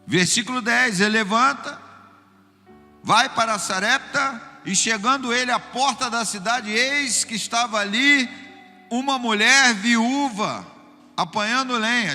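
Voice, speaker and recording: A high-pitched Brazilian man preaches a sermon and tells lively, humorous stories. He keeps calling his listeners brother. His voice rings through a reverberant church hall with faint music behind. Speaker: pastor.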